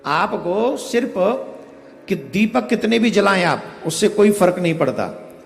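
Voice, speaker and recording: A man preaching a devotional discourse, giving slow, step-by-step instruction. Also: high voice, lively intonation, vocal fry. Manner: slow, instructive, chants a Sanskrit verse in a sing-song. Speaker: spiritual preacher. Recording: echoey hall with faint music behind.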